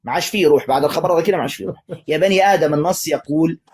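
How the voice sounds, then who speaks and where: A man's voice: fairly high pitch, very fast, darkish tone, husky. A man, a sheikh, debating religion, pressing his opponent with repeated insistent questions and sarcastic jabs. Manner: mocking, sarcastic.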